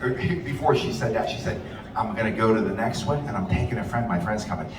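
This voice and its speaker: A man's voice: on the low side, quick pace, noisy background. A man giving a fiery live speech, blunt and profane, telling heated stories. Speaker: rally speaker. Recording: echoey hall, distant mic.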